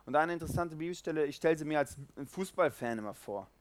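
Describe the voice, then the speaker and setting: A man gives a casual, animated sermon in a fairly high voice, recorded close and dry. He jumps between loud bursts and hushed asides, acting out the people in his stories. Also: fast, dry recording. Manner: lively, animated, acts out quoted voices, swings loud and soft. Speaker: preacher. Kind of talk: informal sermon.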